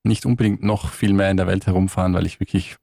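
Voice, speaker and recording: Ein Mann in seinen Dreißigern aus Tirol mit österreichischem Akzent, der als Gast im Radiostudio nachdenklich und mit häufigen Neuansätzen erzählt. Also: male voice, sits low, flat delivery, quick pace, creaky, mellow, no room sound, studio quality. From Tyrol, Austria. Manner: thoughtful, with frequent restarts. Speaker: guest musician. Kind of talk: relaxed radio interview. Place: radio studio.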